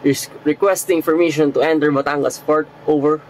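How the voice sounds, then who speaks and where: Higher-voiced man in formal marine radio procedure. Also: steady tone, a little hiss or hum, poor audio. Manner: deliberate, spells out numbers digit by digit. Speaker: ship's officer on marine radio.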